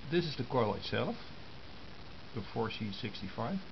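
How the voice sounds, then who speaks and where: A gravelly, medium-pitched Dutch man gets very animated while informally explaining his hand-drawn diagrams one step at a time. He talks in clipped, halting bursts with pauses, and the built-in mic of a compact camera leaves the recording hissy and muffled.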